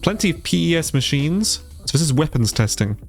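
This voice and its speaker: This gaming YouTuber is sick with a stuffy nose, and his congested voice sits a little high, brisk and gravelly as he plays. His let's play commentary is lively and casual, peppered with swearing, and he's easily amazed.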